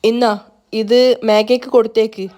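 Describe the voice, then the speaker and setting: A woman voicing a doting young father who talks gently and coaxingly to his daughter. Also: a little high, flat delivery, measured pace, close to an everyday voice.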